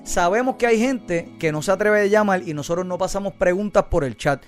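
A man's voice: high voice, a little fast, faint music behind. A man hosting a casual call-in talk show, joking and slangy. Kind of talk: casual interview chat.

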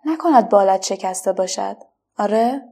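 A woman voicing a lonely, gentle artificial red flower in a children's story, speaking softly and wistfully. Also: mid-range voice, expressive. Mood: hopeful. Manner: soft, wistful, quietly pleading.

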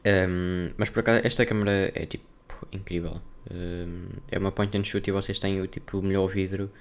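On his casual solo podcast, a young man with a European Portuguese accent rambles and uses slang while thinking aloud. His lowish voice shows little pitch movement, and he keeps a moderate pace.

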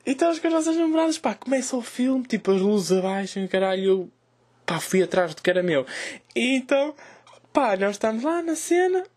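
Rattling off a crude, lively comic tale at breakneck speed, the young host speaks with a European Portuguese accent and a noticeably high voice. He jokes crudely and shouts loudly as he acts out the scenes he retells.

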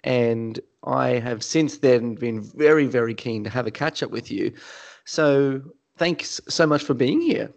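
A man's voice: medium pitch, measured pace, gravelly. A man hosting a podcast interview, enthusiastic and a bit stumbling as he welcomes his guest. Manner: enthusiastic, stumbling over words. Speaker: podcast host. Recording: dull lo-fi sound.

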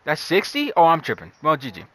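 A man's voice: fairly high pitch, wildly swooping pitch, a little fast, fairly bright tone, no echo. A young man with a slangy, playful frat-bro manner, chatting casually and reading puzzles out to his friends. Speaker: riddle reader in a friend group.

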